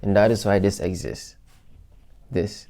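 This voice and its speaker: Speaking a little slowly in a very low, gravelly voice with a dark, mellow tone, a vlogger addresses his followers directly. He thinks out loud about motivation, reflective and loose, restarting sentences and relying on fillers.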